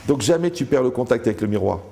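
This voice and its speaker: A man's voice: mid-range voice, expressive, fast talker, gravelly, mellow, a little hiss or hum. A man giving a Torah lecture to a live audience, joking, asking the room questions and acting out the people he quotes.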